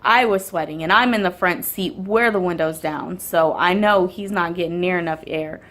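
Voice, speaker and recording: A woman's voice: on the low side, normal speed, fairly bright tone. Chatty mother rambling through a story. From Houston area, Texas. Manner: rambling, many ums and restarts. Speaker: vlogger and mother. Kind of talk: casual storytelling vlog.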